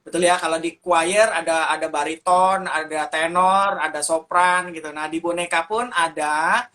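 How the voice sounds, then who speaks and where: A man's voice: on the high side, fairly even intonation, normal speed, bright, forceful tone. A man answering interview questions as a teacher of puppet ministry, talking animatedly and showing how to do voices as he explains.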